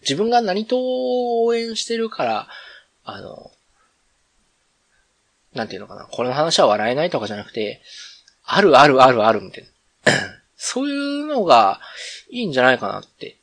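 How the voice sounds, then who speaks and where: Solo podcast host, a man with a Kansai accent, rambling, very lively intonation, dry close sound. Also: fairly high pitch, moderate pace, long pauses, no echo. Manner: rambling, conversational, self-correcting. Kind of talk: casual solo radio chat.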